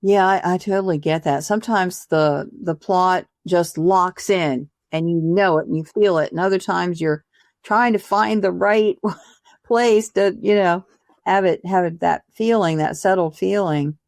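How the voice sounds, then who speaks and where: A woman's voice: on the low side, measured pace, darkish tone, dry recording, studio quality. A woman hosting a podcast interview, chatty and encouraging, laughing easily. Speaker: podcast host. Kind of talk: casual interview chat.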